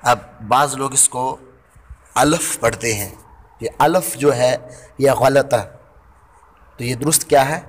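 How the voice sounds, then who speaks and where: A man teaching pronunciation of Arabic letters for Quran reading. He draws out each letter sound loudly, then explains it calmly. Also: medium pitch, unhurried. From Pakistan. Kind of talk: slow, deliberate pronunciation lesson.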